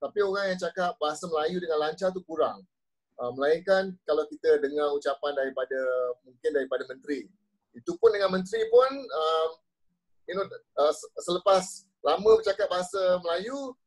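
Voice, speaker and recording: Man on a panel, relaxed and talkative, voice sits a bit high. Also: brisk, low-quality recording. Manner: casual and chatty, drops in English words. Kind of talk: panel discussion.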